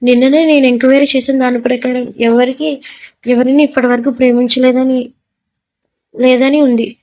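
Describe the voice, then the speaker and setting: A gruff, domineering police officer barks orders and questions in a storybook tale, as a woman reading the story puts him on. The voice sits fairly high and keeps a flat, even tone throughout. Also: normal speed, lightly acted. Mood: stern. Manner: gruff, commanding.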